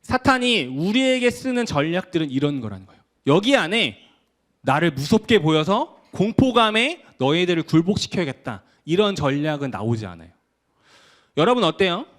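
Young male youth pastor, casual sermon, bright and lively delivery. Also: on the high side, normal speed. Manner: conversational, acts out quoted voices of teens.

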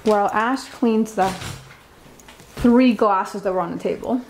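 A woman's voice: medium pitch, unhurried, a little hiss or hum. A woman in her twenties bantering in a laid-back, teasing way during a home vlog in an apartment. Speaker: vlogger, co-host. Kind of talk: casual chat. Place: small apartment, indoors.

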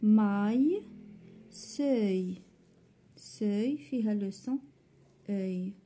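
Slow, dark-voiced Moroccan woman teaching phonics. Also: medium pitch, husky. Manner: slow, repeating each word twice for pupils. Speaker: primary school teacher. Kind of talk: French phonics lesson explained in Moroccan Arabic.

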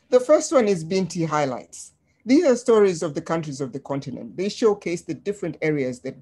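A woman from Tanzania presenting slides on a webinar in a measured way, with frequent ums, over a video call. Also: deep voice, a little mellow.

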